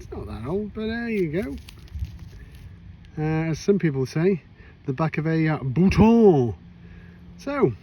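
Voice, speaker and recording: A man chatting casually to camera as he metal detects in a pasture field, self-deprecating and quick to exclaim. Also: fairly high pitch, darkish tone. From United Kingdom. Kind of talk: casual self-filmed commentary. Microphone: chest cam or handheld camera.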